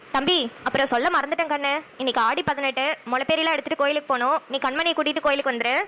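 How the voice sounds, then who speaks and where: A woman voicing a caring elder sister giving brisk instructions in a cartoon. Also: high voice, steady tone, pushed and bright, slight background noise. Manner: brisk, motherly. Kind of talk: cartoon voice acting.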